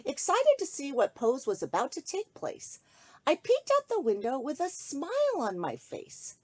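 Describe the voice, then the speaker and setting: A woman with a fairly high voice reads a rhyming children's story at a moderate pace, expressive and sing-song, speaking directly to young listeners.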